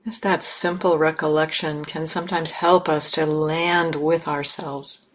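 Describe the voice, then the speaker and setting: Speaking low-pitched and flat, a woman guides a meditation as its teacher. Her phrases are brief and measured, broken up by pauses.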